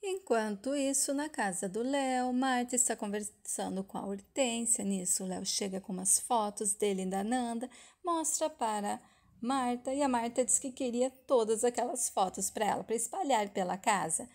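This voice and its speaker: A woman with a Brazilian Portuguese accent tells the plot of a soap opera episode in a chatty, casual way, tying scenes together with quick linking phrases. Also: a little high, darkish tone.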